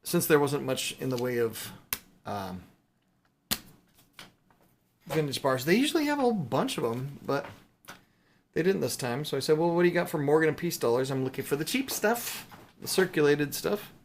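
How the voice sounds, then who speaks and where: His voice sits on the high side and has a sing-song lilt, moving at a moderate pace with long pauses. He's a video host doing an unscripted show-and-tell of his silver bullion purchases, rambling casually with mildly playful exclamations. Slight background noise is present.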